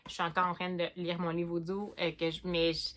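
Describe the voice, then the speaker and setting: Chatty Québécoise woman with a lowish voice. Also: monotone, brisk, a bit bright. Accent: Québécois French. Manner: chatty, hesitant, many fillers and restarts. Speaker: book vlogger. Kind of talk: casual chat about books.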